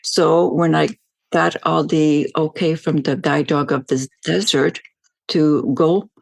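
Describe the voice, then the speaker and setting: An older woman from Belgium answers interview questions, drifting from detail to detail and leaning on fillers as she goes. Her voice has a gravelly edge. The recording is dry and close, with little room sound. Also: sits low, fairly even intonation, slow pace, dry recording. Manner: warm, rambling storytelling with fillers. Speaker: guest, veteran ambassador.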